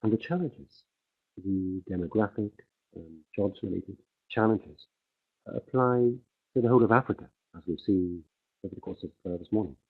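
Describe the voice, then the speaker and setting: A man with a deep, husky voice interprets a conference speech simultaneously, halting often with fillers and restarts as he keeps pace with the speaker. The audio is tinny and phone-like, as though carried over a narrow livestream feed from an interpreter booth.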